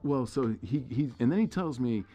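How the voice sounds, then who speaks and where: A male host chatting casually and telling stories, animated at times and dropping to low mutters for asides. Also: moderate pace, dull audio, faint music behind. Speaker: podcast host. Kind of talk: casual chat. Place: studio suite.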